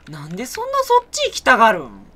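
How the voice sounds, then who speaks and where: Excitable man yelling through a game. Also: very high-pitched, quick pace. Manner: talks to himself, yells at the enemy in sudden outbursts. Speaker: game streamer. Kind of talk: let's play commentary. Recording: keyboard typing noise behind the voice.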